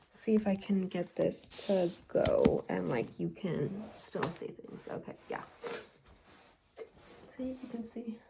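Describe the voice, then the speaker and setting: Indoors at home, a woman vlogs in a casual, rambling chat packed with fillers, sounding a bit out of breath. Her mid-range voice is slightly mellow, with vocal fry and a breathy edge.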